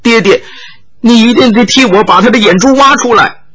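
A man's voice: extremely high pitch, normal speed, pushed and bright, pitched above the performer's own voice, exaggerated voice. A man voicing a frightened, spoiled young girl who cries and pleads shrilly for her father. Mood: whining.

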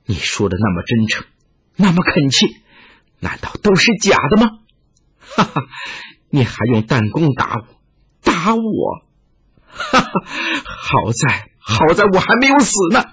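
A man's voice: a little high, huge pitch swings, unhurried, long pauses, a bit bright, breathy edge, dull audio, heavily acted. A man voicing a fierce wounded swordswoman who speaks with bitter, brooding intensity. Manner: bitter, brooding, torn between love and hate.

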